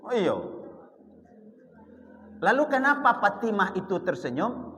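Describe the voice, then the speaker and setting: A man's voice: sits high, sing-song, a little slow, pushed and bright. A man preaching a mosque sermon, asking the congregation questions and acting out dialogue. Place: large mosque hall. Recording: long hall reverb.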